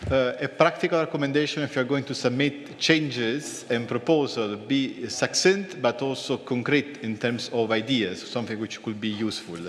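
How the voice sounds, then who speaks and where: A man chairing a formal conference, speaking haltingly as he searches for words. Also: mid-range voice. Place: large conference hall. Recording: reverberant hall, noisy, clicks.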